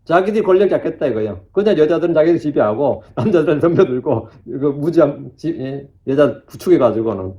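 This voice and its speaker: A man's voice: fairly high pitch, expressive, a little fast, few pauses, warm tone, muffled recording. A male pastor gives a conversational sermon. He quotes scripture and laughs at his own remarks.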